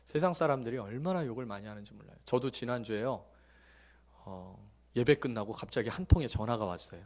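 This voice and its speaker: A middle-aged male pastor preaching a sermon, telling jokey stories that swing from loud bursts to hushed asides. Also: mid-range voice, fairly quick. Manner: lively, joking storytelling with sudden loud bursts and hushed asides.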